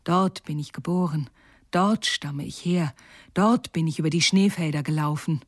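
Woman doing storybook reindeer, slow, half-whispered, low voice, dry close sound. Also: dry recording. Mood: proud. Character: old homesick reindeer, slow and dreamy.

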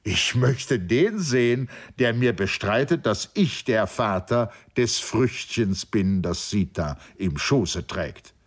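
Earnest, measured young friend making his claim, as a male reader voices him; husky and low. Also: lively intonation. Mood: insistent. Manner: measured, argumentative. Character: reasoning young man, newly bodied friend.

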